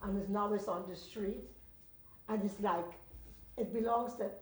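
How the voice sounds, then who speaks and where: A woman's voice: mid-range voice, fairly even intonation, unhurried. An older woman with a Trinidadian accent, reminiscing in a panel discussion. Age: older, over 70. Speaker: panel guest, veteran actress. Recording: echoey room.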